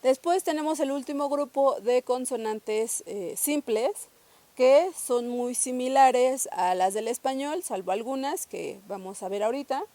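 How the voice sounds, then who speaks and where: A woman's voice: high voice, measured pace, mellow, dry recording. A young woman from Mexico, patiently teaching a pronunciation lesson and repeating each sound several times. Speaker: language teacher.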